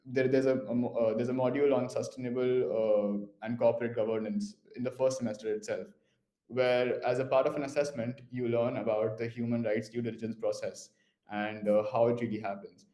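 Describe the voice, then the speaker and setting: A young man from India, a current master's student speaking in an online info session, measured and dotted with "uh" fillers. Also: mid-range voice, little pitch movement, mellow, roomy sound.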